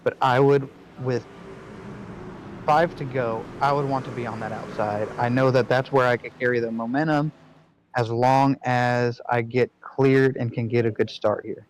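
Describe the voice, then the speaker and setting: A man giving calm, considered color commentary on an online truck race. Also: medium pitch, slight background noise. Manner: slow, measured analysis. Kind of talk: sim racing analysis.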